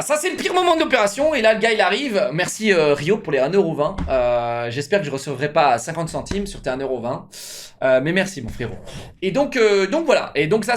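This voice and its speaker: A young man, a streamer telling a story casually to his live chat, animated and repetitive, often calling out to the viewers. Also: fairly high pitch, slight background noise. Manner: animated, repeats himself, addresses viewers as guys.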